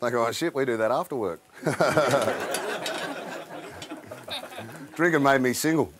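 A man's voice: mid-range voice, slow pace, crowd noise, background noise. Crude Australian stand-up comedian man. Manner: laconic, crude, blokey.

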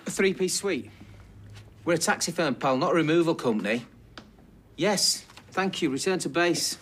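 An actor playing a dry, grudging taxi boss in a British soap, curt and sardonic. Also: male voice, fairly high pitch, expressive, moderate pace, fairly bright tone. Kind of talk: naturalistic British TV soap acting.

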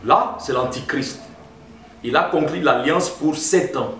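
A man's voice: a little high, unhurried, a bit bright, faint music behind. A man preaching a sermon as pastor, emphatic and addressing the congregation as brothers. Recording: roomy echo, heard from a distance.

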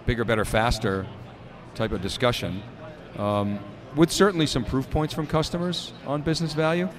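A man's voice: medium pitch, steady tone, normal speed. A middle-aged man co-hosting live event commentary from a conference studio booth, talking analytically with plenty of fillers. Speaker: tech show co-host. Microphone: handheld stand mic. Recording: busy crowd noise behind.

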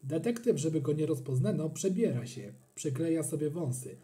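A boastful, touchy schoolboy who fancies himself a detective, as a man reading the story voices him. He talks in a self-important, defensive way, pitched up and lively, with a dark, mellow tone. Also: moderate pace, natural voice.

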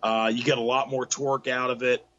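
On a laptop webcam video call from a tackle shop, a middle-aged man speaks as a guest fishing expert, explaining surf fishing technique in a casual interview. His mid-range voice is level and sharp, moving fairly quickly, with plenty of fillers and restarts. The highs sound cut off.

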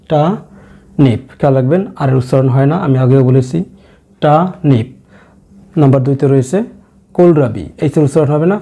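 A man teaching vocabulary, slowly repeating each word with care. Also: mid-range voice, dark tone. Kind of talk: vocabulary lesson narration.

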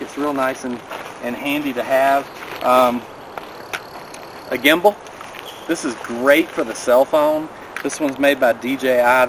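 A man in his thirties talks through hiking gear in a friendly, practical way, standing by a river in a mountain valley. The camera sits a few steps off, and clear outdoor noise runs behind his voice. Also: mid-range voice. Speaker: vlogger. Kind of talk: casual outdoor gear rundown. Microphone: camera a few steps away.

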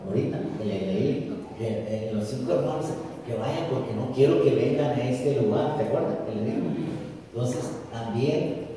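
A man's voice: mid-range voice, moderate pace, warm tone. A man, a priest telling stories in a conversational sermon and often asking the congregation questions. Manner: conversational, asks the audience questions. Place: large echoey hall. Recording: echoey hall from far off, noisy.

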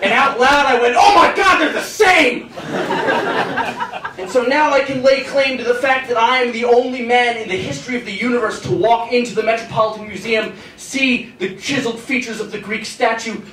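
A man's voice: very high voice, fairly even intonation, a little fast, hardly any pauses. An eighteen-year-old man doing a stand-up comedy routine as a self-deprecating, awkward storyteller into a handheld mic on a club stage. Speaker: stand-up comic. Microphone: handheld stage microphone, recorded from the audience. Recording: roomy club sound, distant, some noise.

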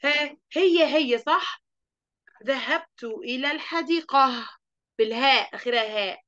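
A woman with an Egyptian accent teaching an online lesson to young children, lively and asking the class questions she then answers. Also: high voice, a little slow, lo-fi sound. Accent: Egyptian Arabic. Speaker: primary school teacher.

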